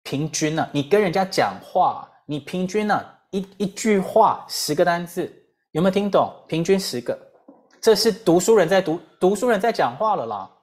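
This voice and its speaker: A woman with a Taiwanese Mandarin accent giving a lively English lesson, full of rhetorical questions and repeated drills. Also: on the low side, normal speed. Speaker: English teacher. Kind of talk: lively lecture.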